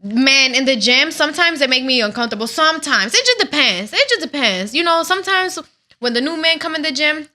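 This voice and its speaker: A woman's voice: sits high, lively intonation, brisk, pushed and bright. A woman guest on a podcast, chatting casually in a playful, slangy way in a studio. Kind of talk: casual chat. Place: recording studio.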